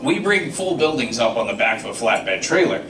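A middle-aged comedian's mid-range, bright-ish voice swings widely in pitch at a moderate pace during a trucking bit full of stories, sound effects and crowd asides. It's shot from the audience at a small club, his handheld mic sounding echoey and far away, with slight background noise and laughter.

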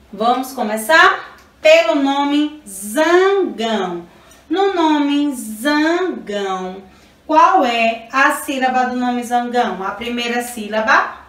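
Brazilian woman, preschool teacher, high voice, very slow drawn-out syllables, echoey room, far from the mic. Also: fairly bright tone. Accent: Brazilian Portuguese. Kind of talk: remote phonics lesson for young children.

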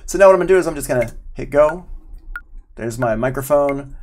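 With a slightly fast, animated delivery and a medium, somewhat mellow voice, a man in his forties leads an informal live audio tutorial online against slight background noise. He breaks things down step by step in an easygoing way, using a desk-mounted external mic and headphones.

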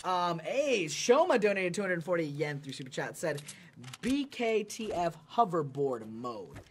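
Young male streamer, relaxed unhurried delivery, lively jumpy pitch, faint hiss behind; reads donations, jokes around. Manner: reads donations aloud, jokey and laughing. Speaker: livestream co-host. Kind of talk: casual gaming stream chat.

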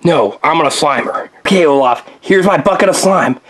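A woman's voice: low voice, expressive, moderate pace, a little hiss or hum, voice pushed down. A woman voicing a mischievous young male prankster in a toy play video, scheming and boastful.

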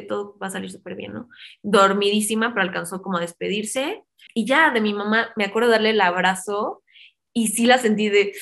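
A young woman in her twenties with a Mexican Spanish accent, a guest in an interview, telling a personal story in a lively, chatty way and acting out the voices of the people in it. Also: medium pitch. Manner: animated, acts out quoted voices, fond of diminutives.

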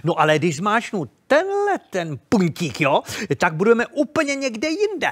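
Male host for a kids' show: high-pitched, playful and full of childlike enthusiasm. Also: huge pitch swings, fairly bright tone. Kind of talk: children's TV presenting.

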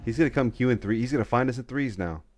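A man's voice: mid-range voice, quick pace, a little mellow, no echo, soft background music. A man chatting casually with friends while playing an online game, swearing freely and laughing a lot. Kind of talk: casual gaming chat with friends.

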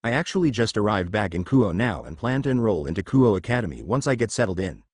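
A man doing a calm young hero. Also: on the low side, fast talker, breathy edge, no echo, studio quality.

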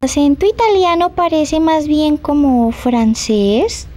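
A woman's voice: sits high, slow pace, warm tone. A woman voicing a sweet but easily indignant female puppet presenter, coy and theatrical. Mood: chirpy, skeptical. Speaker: guest presenter. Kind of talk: puppet show dialogue.

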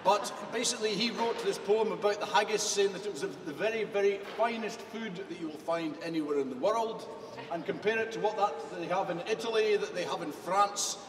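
A man's voice: sits high, a little fast. A man with a Scottish accent speaking ceremonially to a dinner gathering, projecting in a theatrical way. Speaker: piper and master of ceremonies at a formal dinner. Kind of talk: live ceremonial speech and dramatic poem recital. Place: large museum hall, indoors, live event. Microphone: stand microphone through PA, heard by a far camera. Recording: distant echoey hall with clear noise.

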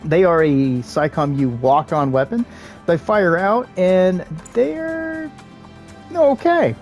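A man hosting his gaming channel, giving relaxed, casual gameplay commentary with joking asides and the odd filler pause. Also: sits high, soft background music.

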